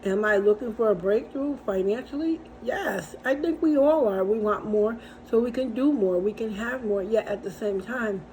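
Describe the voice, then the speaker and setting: Warm-voiced middle-aged woman giving encouragement. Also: on the high side, moderate pace, few pauses, slight background noise, rough recording. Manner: conversational and repetitive, with storytelling asides. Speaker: host and encourager. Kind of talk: casual faith-based encouragement talk.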